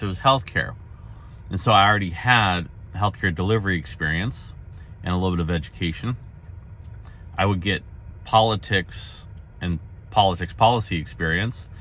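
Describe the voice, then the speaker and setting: A middle-aged man speaking as a career trainer, telling a personal story casually and acting out the dialogue in it. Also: slight background noise. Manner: animated storyteller, acts out quoted dialogue with pitch jumps.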